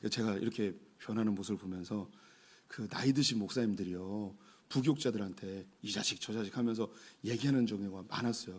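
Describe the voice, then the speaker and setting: Husky Korean pastor preaching a sermon. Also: male voice, lowish voice. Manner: warm storytelling with frequent "예" asides. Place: church sanctuary.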